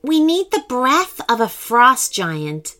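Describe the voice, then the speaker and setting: A woman's voice: on the high side, very animated, slow, faint music behind, pitched above the performer's own voice, heavily acted. A woman voicing an eager, cheerful male adventurer in a storybook reading. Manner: bright and enthusiastic.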